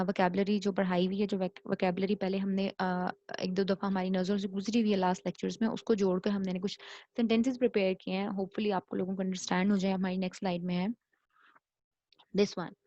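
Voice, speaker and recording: A woman teaching a recorded language lecture, repeating each word slowly so learners can copy it and mixing English into her explanations. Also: mid-range voice, flat delivery, mellow, no echo. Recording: dull lo-fi recording.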